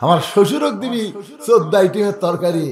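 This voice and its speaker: Bogra-dialect male preacher, high-pitched, dramatic sermon storytelling with shouted peaks. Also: expressive, brisk. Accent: northern Bangladeshi (Bogra) dialect. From Bangladesh. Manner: dramatic, swings from hushed to shouting, acts out dialogue. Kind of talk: Bengali waz sermon storytelling.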